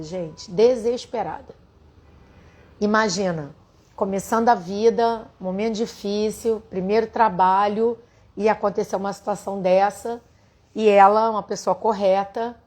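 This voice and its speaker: A woman's voice: medium pitch, darkish tone. A woman with a Brazilian Portuguese accent, a spiritual teacher telling a story earnestly and speaking straight to her listeners. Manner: earnest, addresses listeners directly. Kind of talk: storytelling to an audience.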